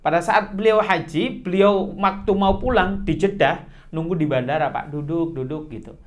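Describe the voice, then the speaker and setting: A man preaching a storytelling sermon, animated and often putting questions to the audience. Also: a little high, normal speed.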